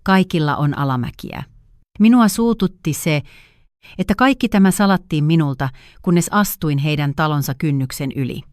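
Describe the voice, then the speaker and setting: A woman narrating a first-person family drama story in an even, measured way. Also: low-pitched, dry recording, clean studio sound.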